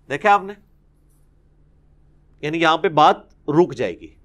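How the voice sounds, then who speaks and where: A man's voice: fairly high pitch, fairly bright tone. A man giving a Quran commentary lecture, explaining verses, reciting Arabic and asking rhetorical questions. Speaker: Islamic preacher.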